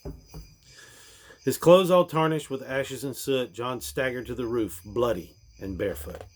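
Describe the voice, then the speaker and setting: A man reads a rhyming parody Christmas storybook aloud, his mid-range voice going a little slow. The performance is theatrical and emphatic, each line swelling before dropping away at the end.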